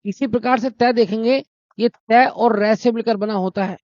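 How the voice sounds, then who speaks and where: A man's voice: sits high, fairly even intonation, normal speed, darkish tone, no room sound. A man teaching a Hindi exam-prep lesson, explaining step by step, asking his own questions and answering them, and calling his students brother and friends. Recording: dry, dull lo-fi sound.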